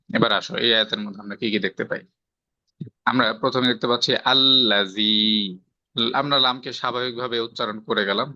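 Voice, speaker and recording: In this dry, slightly dull lo-fi recording, a Bangladeshi Bengali-accented man gives a patient tajweed lesson on Quran recitation rules. He explains things one step at a time and tests his student with questions, using rhetorical ones to make sure the points land. His voice is medium in pitch with a sharp edge.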